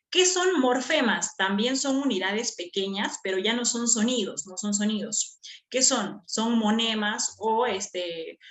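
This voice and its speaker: A woman's voice: mid-range voice, fairly bright tone. A woman teacher explaining a lesson patiently, repeating key terms and checking that students follow. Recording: echoey room.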